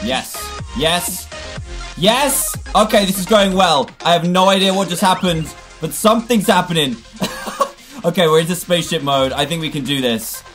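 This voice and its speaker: A young man commentating his own gameplay with huge swings in pitch, one moment muttering and the next yelping. He shouts at his fails and cheers his wins. Faint game music plays behind him. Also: expressive, normal speed. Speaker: gaming YouTuber.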